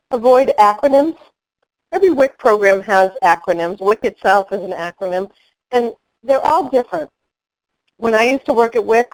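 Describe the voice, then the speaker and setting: A middle-aged woman giving a training webinar, speaking in a clear, measured instructional way. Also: medium pitch, poor audio.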